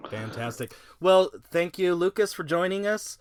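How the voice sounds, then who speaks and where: A man's voice: sits high, lively intonation, moderate pace, a little hiss or hum. A man hosting a casual podcast conversation. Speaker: podcast host.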